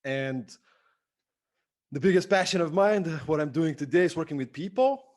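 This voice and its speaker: Here the podcast guest, a man from Bulgaria who works as an entrepreneur and productivity speaker, talks at a moderate pace. His voice is a little high with a darkish tone, and his answers are enthusiastic, emphatic and conversational.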